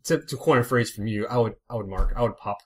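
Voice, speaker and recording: A man's voice: fairly low pitch, quick pace. A man co-hosting a casual podcast, joking in a playful, mischievous way. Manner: playful, mischievous, deadpan jokes. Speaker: podcast co-host.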